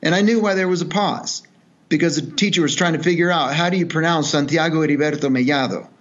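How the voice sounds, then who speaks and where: This fast-talking man has a fairly high pitch, and the recording's highs are cut off. As a podcast guest and charity executive from El Salvador, middle-aged, he relates his story in a relaxed conversation. He sounds earnest and reflective, with lots of fillers and restarts.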